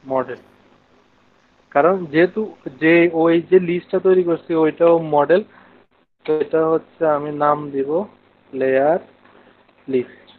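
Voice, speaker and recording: This programming instructor, a man with a Bangladeshi accent, speaks at a measured pace with long pauses in a slightly high, fairly even voice. In his live online coding lesson he goes step by step, mixes in English technical terms and puts questions to students. The audio is narrow and phone-like.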